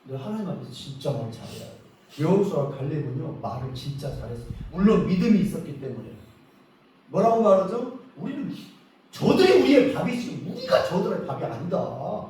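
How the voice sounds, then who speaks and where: Man, pastor, revival sermon, jokey, high-pitched, distant mic. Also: brisk, slight background noise. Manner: animated, joking, acts out prayers. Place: church sanctuary. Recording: echoey hall from far off.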